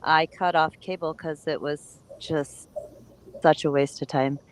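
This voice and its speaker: Low-voiced woman in her fifties, teasing. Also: steady tone, unhurried, poor audio. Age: 50s. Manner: teasing, chatty, laughs readily. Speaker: livestream co-host. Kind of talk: casual live chat.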